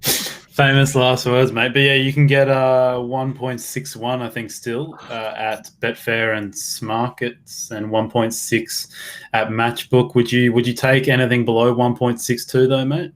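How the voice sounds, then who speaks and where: A man's voice: mid-range voice, flat delivery, measured pace. A man with an Australian accent hosts a live sports betting stream. He keeps it upbeat and matey, with a voice in the middle register. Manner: upbeat, matey, calls everyone mate. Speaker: host.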